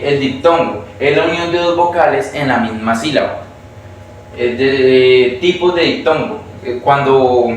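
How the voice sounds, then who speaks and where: Teen boy, Colombian accent, school presentation, hesitant, roomy echo with faint hiss. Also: mid-range voice. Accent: Colombian Spanish. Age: teenager. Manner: hesitant, many restarts and fillers. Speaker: student presenter. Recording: echoey room from far off, faint hiss.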